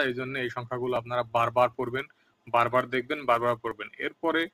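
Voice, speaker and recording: A man with a bright, forward voice at an ordinary pitch, teaching a recorded language lesson. He speaks slowly and says each word twice so learners can follow along.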